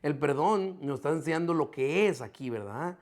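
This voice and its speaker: A man's voice: fairly high pitch, animated, normal speed. A man preaching a sermon as pastor, explaining each point patiently and repeating key figures for emphasis. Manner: explanatory, constantly checking in with listeners. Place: church streaming an online service.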